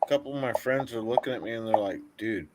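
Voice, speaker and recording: A man on a group call, telling things slowly and haltingly with many pauses. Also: mid-range voice, heavy background noise. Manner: slow, halting storyteller with many "uh"s. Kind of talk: casual group chat.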